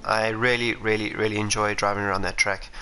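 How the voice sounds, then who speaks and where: His voice is on the low side, brisk, level and sharp-toned as this South African racing driver chats through a sim racing stream. The recording is low quality, with game engine noise and racing car sounds beneath.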